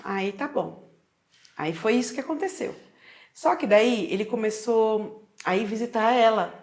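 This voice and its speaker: Brazilian woman telling a lively story. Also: fairly high pitch, a little slow. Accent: Brazilian Portuguese. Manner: lively, acts out dialogue, frequent tag questions. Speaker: guest telling her story. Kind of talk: casual storytelling chat.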